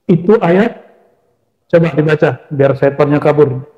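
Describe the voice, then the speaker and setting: Guy preaching a sermon, kinda high voice, quizzes the crowd then answers, dull echoey recording. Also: a little slow. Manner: asks the audience questions and answers them; chants Arabic verses. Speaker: Islamic preacher. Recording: echoey dull-sounding hall.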